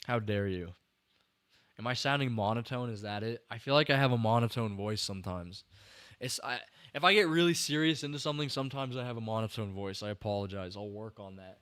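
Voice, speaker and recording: A young man hosts a livestream, rambling through a film breakdown with casual enthusiasm, restarting sentences and answering chat viewers. He sounds slightly tired, with a lowish, brisk, somewhat bright and smooth voice. The recording is dry and studio quality.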